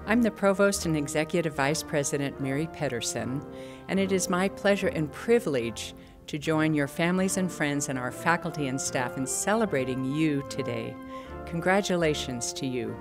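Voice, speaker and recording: A woman with a low, deep voice delivers a measured, formal ceremony address as a university provost. She speaks at a steady, deliberate pace from an indoor stage, with music playing behind her words.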